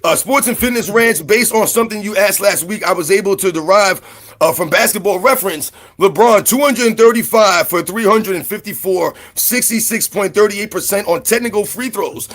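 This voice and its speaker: A man co-hosting a sports talk show, loud and emphatic, acting out players' voices as he rants. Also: high-pitched, normal speed. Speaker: podcast co-host.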